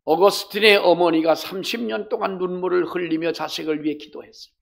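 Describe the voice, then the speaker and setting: Male pastor, gravelly and fairly high-voiced, fervent sermon, loud calls dropping to hushed stories. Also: fairly even intonation, a little fast. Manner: fervent preaching, swinging from loud exhortation to hushed storytelling.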